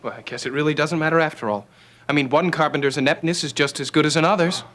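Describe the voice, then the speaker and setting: An actor playing a smug young rival who talks in a sarcastic, sneering way. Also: male voice, on the high side, fast talker, fairly bright tone, lightly acted. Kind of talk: soap opera acting.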